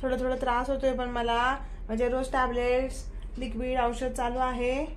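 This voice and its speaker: Woman voicing a calm male pet bird on the mend, slow plain updates, fairly high voice, soft background hiss. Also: natural voice. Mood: reassuring.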